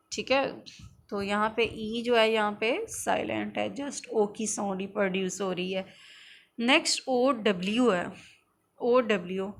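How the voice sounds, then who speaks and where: Slow, higher-pitched woman teaching phonics. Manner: slow, sounding out letters and words one by one. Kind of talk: phonics lesson.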